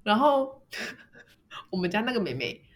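Animated woman telling a story. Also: medium pitch, moderate pace. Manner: animated, laughs often while telling stories. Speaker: podcast co-host. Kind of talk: casual storytelling chat.

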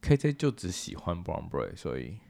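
Man, very low voice, gravelly, deadpan joking podcast co-host. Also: moderate pace. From Taiwan. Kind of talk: casual chat.

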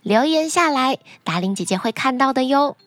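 Gentle higher-voiced woman telling children stories. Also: expressive, normal speed, no echo. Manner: gentle, encouraging, speaks directly to children. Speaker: children's story podcast host. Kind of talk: storytelling podcast for children.

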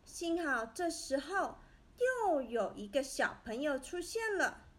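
A woman narrating a children's story in a gentle, expressive way. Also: sits high, slow pace.

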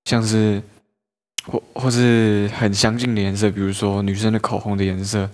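A young man talks to his listeners in a fairly low voice. He tells stories on himself in a loose, chatty monologue and often breaks into laughter. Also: level tone, moderate pace. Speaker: podcast host. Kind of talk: casual storytelling monologue.

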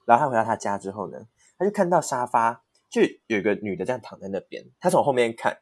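A man co-hosting a podcast, telling a ghost story in a casual, animated way with frequent laughter. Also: medium pitch, quick pace. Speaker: podcast co-host.

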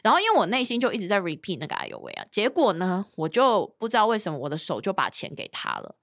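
A woman telling a story in a casual chat, her pitch swinging widely as she gets into it. She drops English words into her sentences now and then. The recording is close and dry, with no room sound. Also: big pitch swings, quick pace, a bit bright, dry recording.

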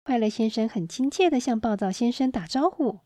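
A woman storyteller reading a children's story aloud in a gentle, expressive way, on a close mic. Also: fairly high pitch, fairly quick, dry recording.

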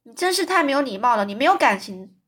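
A woman voicing a furious, skinny, red-haired orphan girl who yells indignantly in a retold storybook. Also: sing-song, quick pace, full character voice. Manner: shrill, yelling, indignant.

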